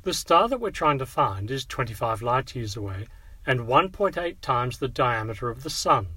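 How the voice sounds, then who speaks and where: Museum audio guide narrator: male educator, measured and instructive, medium pitch, dry recording. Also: very animated, pushed and bright, husky, no echo. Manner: measured, instructive, addressing the listener directly.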